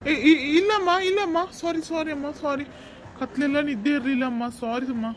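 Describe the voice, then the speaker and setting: A mid-pitched cartoon driver, voiced by a performer, worn out from sleepless nights. He apologizes over and over, then grumbles under his breath about his own troubles. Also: fairly even intonation, normal speed, very noisy, close to an everyday voice. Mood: apologetic. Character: sleepy, grumbling middle-aged male driver.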